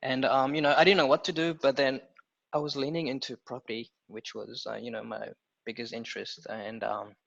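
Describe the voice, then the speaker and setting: A man's voice: mid-range voice, fairly quick, gravelly. A man in his twenties from Ethiopia, a guest chatting casually about his analyst work, with lots of "you know" and "um". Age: 20s. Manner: relaxed, many fillers like "you know" and "um". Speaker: guest, property research analyst. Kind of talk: casual interview chat. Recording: dull lo-fi audio.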